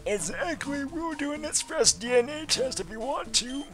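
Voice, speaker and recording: A man's voice: extremely high pitch, animated, normal speed, fairly bright tone, pitched above the performer's own voice. A man voicing a rambling elderly male professor who talks through his dentures, in a quavering, long-winded way, over game music. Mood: brisk.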